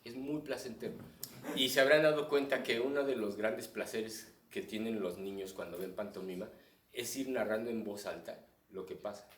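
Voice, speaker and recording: A man's voice: on the low side, normal speed, a bit bright. Mexican guy explaining clown timing to a crowd, sounds far from the mic, roomy. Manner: explanatory, acts out audience thoughts in asides. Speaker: clown and author presenting his book. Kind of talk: live talk explaining clowning with demonstrations. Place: live event room with audience. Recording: echoey room, distant mic.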